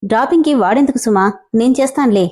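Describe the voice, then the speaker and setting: A woman's voice: fairly high pitch, fast talker, a little mellow, lightly acted. A woman voicing a jealous, resentful male college student in a spoken storybook. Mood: bitter. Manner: bitter, scornful.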